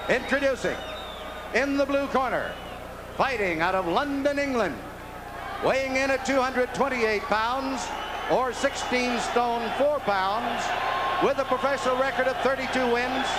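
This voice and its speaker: A man working as a boxing ring announcer, formally introducing fighters and officials with deliberate, projected delivery. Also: high-pitched, background noise. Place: indoor boxing arena.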